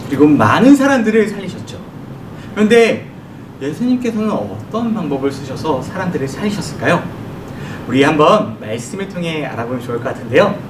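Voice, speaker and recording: A man giving a children's sermon, in a lively way. He asks the children questions and answers them himself. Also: a little high, fairly quick. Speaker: children's ministry preacher. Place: church worship room. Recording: echoey room from far off, noisy.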